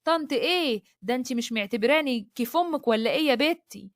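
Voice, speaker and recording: Stern mom, woman reading her, firm scolding voice, high and quick. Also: animated, no echo, clean studio sound. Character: stern loving older Upper Egyptian mother.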